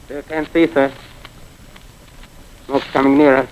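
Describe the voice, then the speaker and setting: An actor playing a soldier struggling on through poisonous smoke, strained and gravelly, in a 1930s radio drama. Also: male voice, medium pitch, level tone, a little slow, natural voice. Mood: strained, desperate. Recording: dull, noisy old radio broadcast.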